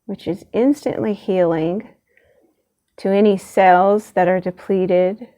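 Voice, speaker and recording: Soothing and in no hurry, a woman guides a gentle meditation in a steady, medium-pitched voice, pausing at length after each short phrase.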